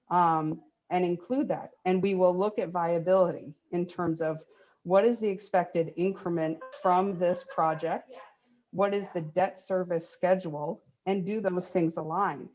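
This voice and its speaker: A woman giving formal testimony to a committee over a crackly remote phone line that fades in and out, speaking in a measured, explanatory way with frequent ums. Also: on the low side, darkish tone. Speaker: state agency official testifying to a committee. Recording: dull lo-fi call audio, breaking up.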